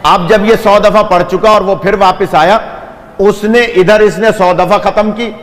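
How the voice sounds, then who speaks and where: Man preaching to a gathering, telling a story with acted dialogue, slightly high voice, echoing hall. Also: steady tone. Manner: dramatic retelling with quoted dialogue, blessing the audience.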